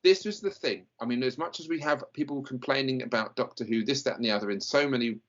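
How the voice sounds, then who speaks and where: A man of middling pitch rambles through his thoughts in a casual chat, stumbling and circling back. The audio sounds dull and lo-fi. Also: quick pace. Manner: rambling, hesitant, many fillers. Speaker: podcast co-host.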